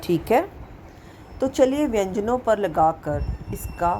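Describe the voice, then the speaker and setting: A woman teaching a Hindi lesson, sounding out each syllable slowly and stressing the examples. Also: mid-range voice, animated, mellow, a little hiss or hum, rough recording. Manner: drawn-out sounding of vowels, emphatic on examples. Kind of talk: slow classroom lesson.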